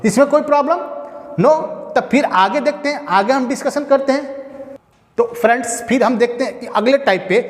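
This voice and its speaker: A man's voice: very high-pitched, normal speed. A man with a Bihari Hindi accent teaching a grammar lesson to a class, asking questions and answering them himself. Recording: echoey hall with long reverb.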